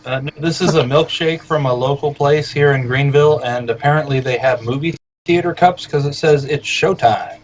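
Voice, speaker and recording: A man co-hosting a casual music podcast, low-key and understated in how he talks. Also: normal speed, few pauses. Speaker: podcast co-host. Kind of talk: casual chat. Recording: dull lo-fi audio with faint hiss.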